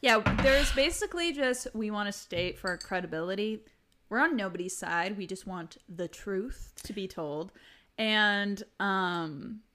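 A woman's voice: medium pitch, a little slow, a bit bright, a little hiss or hum. A young woman co-hosting a podcast in a laid-back, teasing, casual chat. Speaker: podcast co-host.

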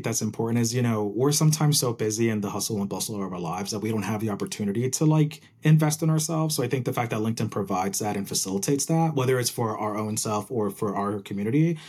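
A young program manager from Puerto Rico, raised in New Jersey, chats enthusiastically as a guest in a casual interview, often ending his points with "right?". His mid-range voice is a little mellow and slightly rough.

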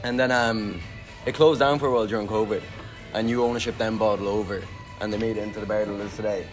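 A man's voice: fairly low pitch, steady tone, fast, music in the background. A man of twenty-one with a west of Ireland accent, talking casually as an interview guest. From Galway, Ireland. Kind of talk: casual chat. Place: in a bar.

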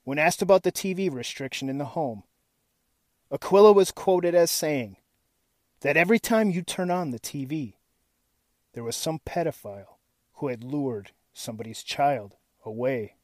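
A man narrating a scripted true-crime story in a suspenseful, measured, serious manner with deliberate dramatic pauses. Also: on the high side, animated, dry recording, studio quality. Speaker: host and narrator of a missing-persons series.

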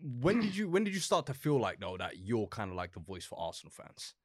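A man's voice: medium pitch, wildly swooping pitch, brisk, no room sound, clean studio sound. A man interviewing casually, throwing in encouraging, slangy interjections.

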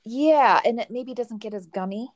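A woman's voice: a little high, normal speed, darkish tone, no room sound, studio quality. A woman co-hosting a podcast in casual chat, easygoing and matter-of-fact. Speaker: podcast co-host.

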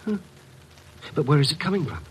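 An actor playing a flustered, weary, fussy doctor in an old radio drama, on a noisy recording. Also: male voice, fairly high pitch, lively intonation, brisk, music in the background, close to an everyday voice. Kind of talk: 1950s radio drama acting.

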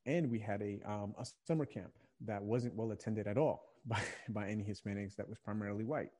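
This young adult guest from Virginia, USA, leads a young adult ministry and speaks in a conversational podcast interview. His lowish, mellow voice moves fairly quickly, and he sounds earnest and reflective, often restarting phrases while he gropes for words.

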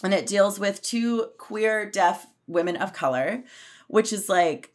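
A woman's voice: mid-range voice, measured pace. A woman co-hosting a podcast, introducing a guest in an enthusiastic, chatty way with lots of "like" and "you know". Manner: enthusiastic, chatty, uses "like" often. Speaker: podcast co-host. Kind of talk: casual podcast chat.

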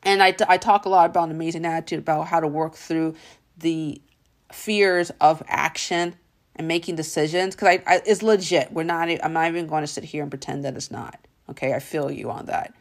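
A woman with a fairly low voice hosts a motivational podcast. She talks in a lively, storytelling way and coaxes the listener with endearments like honey and darling. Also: a little fast. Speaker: podcast host.

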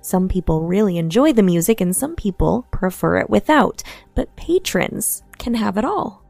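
Female sleep story narrator, soft and soothing, mid-pitched with noticeable vocal fry, music underneath. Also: sing-song, normal speed, dry recording. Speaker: podcast host and narrator. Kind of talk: sleep story narration, scripted true crime bedtime storytelling.

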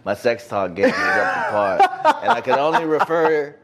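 A man from Detroit hosting a casual, frank chat in a slangy, jokey, expressive way. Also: fairly high pitch, moderate pace, gravelly, very noisy. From Detroit, United States. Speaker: host.

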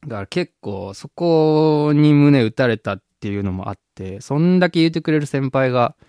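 A man's voice: on the high side, expressive, normal speed, dark tone, clear, resonant tone, dry recording. A man with a Kansai-style dialect, a band member co-hosting a radio show, talking casually and laughing often.

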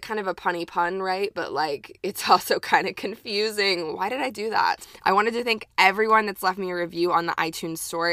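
A young woman with a light Texan accent hosts her own podcast, talking solo in an upbeat, chatty style full of fillers. Her medium-pitched voice sounds pushed and bright, captured in a dry, clean studio recording.

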